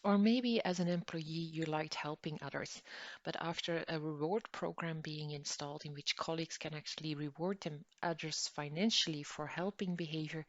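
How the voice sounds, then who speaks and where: A woman from northern Belgium giving an educational talk, explaining a concept and then telling a personal story while acting out the dialogue. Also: no room sound. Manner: storytelling, acts out dialogue with lively pitch jumps. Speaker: lecturer. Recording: dull lo-fi dry recording.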